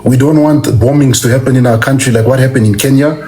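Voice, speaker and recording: A man's voice: mid-range voice, fairly even intonation, quick pace, dark tone. A man speaking as a guest on a call-in discussion, earnest and polite toward the host.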